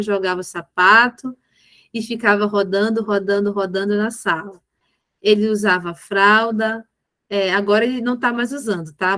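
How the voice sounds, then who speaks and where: A woman's voice: medium pitch, fairly bright tone, no room sound. A woman, a mentor patiently explaining behavior management with examples. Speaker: ABA mentor.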